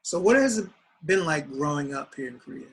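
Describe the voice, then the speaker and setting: A man's voice: fairly high pitch, animated, brisk, a little hiss or hum. A man hosting an interview, opening with an upbeat greeting and asking loose, rambling questions. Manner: upbeat, loose, fillers and restarts. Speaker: interviewer and host.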